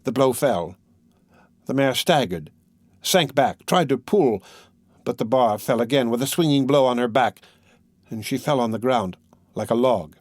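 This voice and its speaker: A male narrator reads a classic novel with dramatic expression and a lively, varied pitch. His voice sits in a middle register. The recording is dry and close, with no room sound. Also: measured pace, pauses often, no room sound. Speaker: audiobook narrator.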